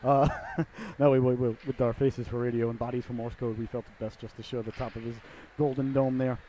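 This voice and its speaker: Here a middle-aged man gives casual commentary on amateur hockey, chatty and meandering, kidding around with the audience while a cold leaves him sniffly. His medium-pitched voice is level, brisk and dark, and the poor audio has a faint hiss or hum.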